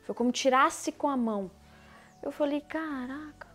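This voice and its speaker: Brazilian woman telling her story hushed. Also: high-pitched, a little slow. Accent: Brazilian Portuguese. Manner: casual, slangy, re-enacts her own dialogue, often drops to a hushed voice. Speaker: person giving a faith testimony. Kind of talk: personal testimony storytelling.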